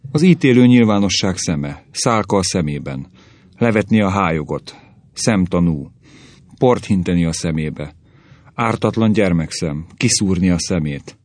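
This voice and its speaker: Man reading as an eager old newspaperman, rattling off cliches, deep voice, dry sound. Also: darkish tone, no echo. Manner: eager, rattles off stock phrases. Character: eager veteran male newspaper editor.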